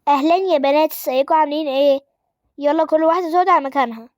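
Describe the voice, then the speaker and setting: A woman playing a new schoolteacher with an Egyptian accent, friendly at first but quick to lay down the law, in a voiced game role-play story. The voice sits high and moves along at a brisk clip. It is recorded close and dry. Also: no echo, natural voice. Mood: friendly, firm. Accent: Egyptian Arabic. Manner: warm greetings with firm warnings.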